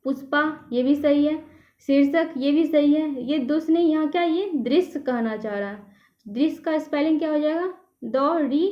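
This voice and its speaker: Woman teacher, high voice, patient step by step exam prep, echoey classroom, kinda muffled. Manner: patient, checks each option in turn, adds "ठीक है". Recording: echoey room, slightly dull sound.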